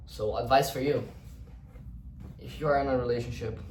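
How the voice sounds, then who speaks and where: Here the young vlogger, whose native tongue is Portuguese, rambles through an unplanned English monologue about himself, frequently restarting and swearing lightly. His mid-range voice is slightly mellow, fairly even in intonation, at normal speed. The mic is distant, the room echoes, and there's a little hiss or hum.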